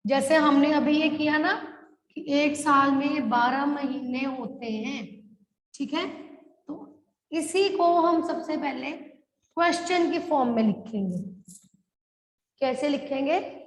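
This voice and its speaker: A woman teacher, giving a class lesson. She draws out each word slowly as she dictates and mixes English phrases into her speech. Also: high-pitched. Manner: slow, drawn-out dictation of words. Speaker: primary school teacher. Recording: echoey room with long reverb.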